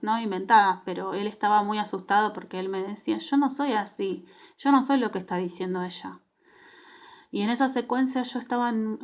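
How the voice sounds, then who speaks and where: A woman with an Argentine accent giving a personal testimony about her dreams, earnest and halting, with frequent restarts. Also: medium pitch. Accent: Argentine Spanish. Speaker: church member sharing dreams.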